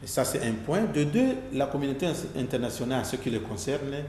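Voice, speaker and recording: A man from Rwanda speaks in an earnest, deliberate way, weighing his words and often restarting them. His voice sits at an ordinary pitch. The recording has a long, roomy reverb and a faint hum underneath. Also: sing-song, darkish tone. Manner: deliberate, with frequent restarts and pauses. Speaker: interviewee, Rwandan political voice. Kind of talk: earnest political interview.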